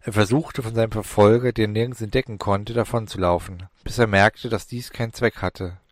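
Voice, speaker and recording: A male audiobook narrator reads in a low, even voice, taking his time with every phrase. The recording is dry and close, with no room sound. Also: brisk, dry recording.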